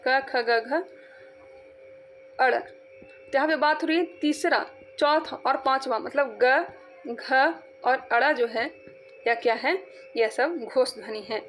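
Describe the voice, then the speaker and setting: A woman's voice: high-pitched, a bit bright, faint music behind. A woman teaching an exam-prep lesson, repeating points and quizzing her students as she goes. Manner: repetitive, quizzing, drawn-out syllables.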